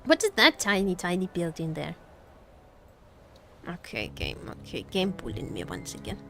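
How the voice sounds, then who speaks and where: This streamer's voice sits on the low side, a bit bright, with huge pitch swings and vocal fry, plus slight background noise. She chats casually with viewers while gaming over background music, exclaiming and joking playfully.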